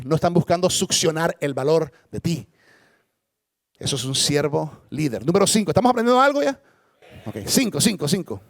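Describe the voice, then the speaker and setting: A man's voice: on the high side, vocal fry, dry recording, clean studio sound. A man preaching a sermon as pastor, emphatic and dramatic, with speech, often asking the congregation rhetorical questions.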